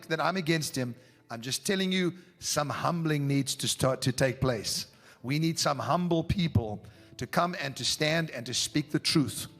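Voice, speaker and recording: A man preaching a fervent prophetic sermon, calling out to the congregation. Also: fairly high pitch. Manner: fervent, rising to shouts, talks to the audience. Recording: long hall reverb with faint music.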